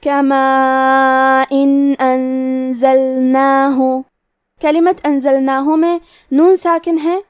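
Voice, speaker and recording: A woman teaching Quran recitation rules, explaining each letter step by step in a methodical, measured way. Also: high-pitched, a little mellow, dry recording, studio quality. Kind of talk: tajweed lesson, explaining rules then reciting slowly.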